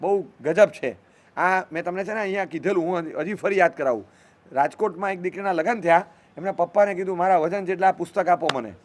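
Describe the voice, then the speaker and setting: High-voiced emphatic preacher man. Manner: emphatic, swings between loud stress and soft asides. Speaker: religious preacher. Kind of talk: sermon with storytelling.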